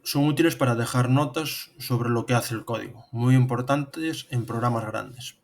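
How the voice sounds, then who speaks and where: His medium-pitched voice carries some vocal fry at a normal speed, with slight background noise in the recording. He's a thirty-something programming instructor from Spain, speaking with a Spanish accent as he gives step-by-step tutorial narration over a screen demonstration.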